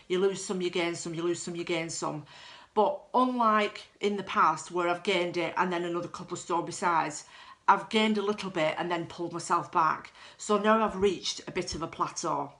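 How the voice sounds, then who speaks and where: A client's testimonial comes from a middle-aged woman with a fairly low, fairly bright voice. She recounts her own experience candidly, laughs at herself, and keeps restarting her sentences.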